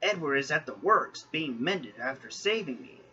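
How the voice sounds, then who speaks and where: A man doing a jumpy young tank engine from a storybook, with a bright, lifting voice that climbs when he panics. He sounds dulled and lo-fi with a faint hiss behind. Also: fairly high pitch, normal speed. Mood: weary. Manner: excitable, worried. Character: eager young male red tank engine.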